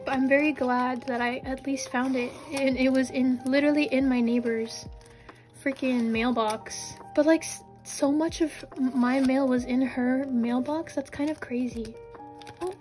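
A young woman vlogging a casual unboxing, often gasping and squealing with excitement. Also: sits high, measured pace, soft background music.

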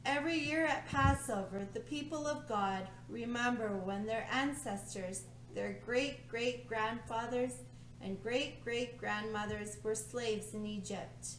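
A middle-aged woman leading a children's church lesson, reading a story slowly, clearly and soothingly. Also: a little high. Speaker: children's ministry leader. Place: church room with a round table, indoors. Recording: echoey room, faint hum.

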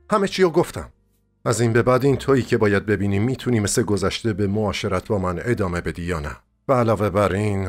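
A lovesick young dreamer, read by a male narrator, speaks urgently with a lively, rising and falling voice. His pleas are impassioned and earnest. Faint music plays behind. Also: lowish voice, natural voice.

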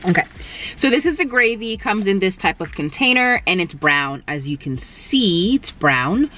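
A young woman from Canada reviewing fast food in a casual mukbang while she eats in a parked car, humming appreciatively between bites. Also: medium pitch, sing-song, a bit bright, slight background noise. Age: young adult. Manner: chatty, eating between remarks, lots of appreciative hums. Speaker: food vlogger. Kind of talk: casual mukbang tasting chat. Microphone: camera on the dashboard.

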